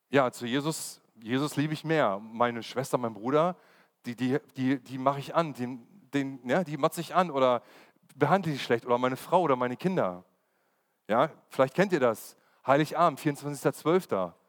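Male preacher, conversational sermon, mid pitch, long church reverb. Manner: conversational, asks the congregation questions.

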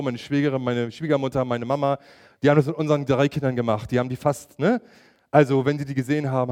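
A man's voice: mid-range voice, darkish tone. A middle-aged man preaching a sermon, emphatic and asking his listeners direct questions.

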